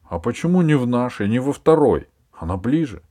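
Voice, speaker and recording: An eager, earnest schoolboy from a storybook, as a male reader puts him on. He answers quickly, the voice lifted a little above the reader's own. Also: medium pitch, big pitch swings, mellow, pitched above the performer's own voice. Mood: curious.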